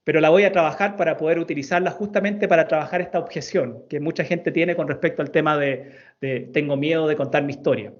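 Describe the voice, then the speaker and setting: A man's voice: on the high side, quick pace. A man in his thirties, a storytelling coach, telling a personal story as a guest in an interview, earnest and fond of repeating words for emphasis. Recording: dull lo-fi sound.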